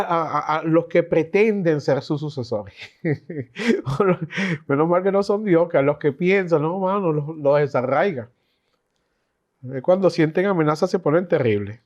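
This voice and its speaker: Male Bible teacher, chatty and animated, higher voice, muffled lo-fi audio. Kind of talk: Bible class sermon. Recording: dull lo-fi recording.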